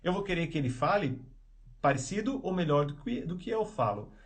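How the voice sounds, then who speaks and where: A man's voice: fairly high pitch, expressive, fairly quick. A man who teaches English, hosting a live stream of parenting advice in casual, rambling talk, full of restarts and tag questions. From Brazil.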